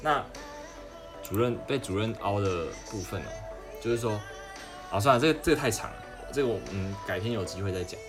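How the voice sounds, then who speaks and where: A man's voice: fairly low pitch, brisk. A young man with a Taiwanese Mandarin accent, chatting casually as a stream host and telling stories, sometimes mimicking others in a raised voice. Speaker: livestream host. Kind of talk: casual chat. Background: background music.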